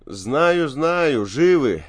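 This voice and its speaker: A man's voice: on the high side, big pitch swings, drawn-out words, voice pushed up, heavily acted. A man doing a sly old taiga healer. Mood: sly mocking.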